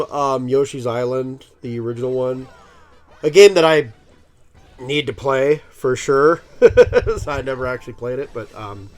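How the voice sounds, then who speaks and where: Rambling thirties man with lively pitch. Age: 30s. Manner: rambling, filler-heavy, laughs at himself. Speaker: gaming channel host. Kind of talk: casual let's-play commentary.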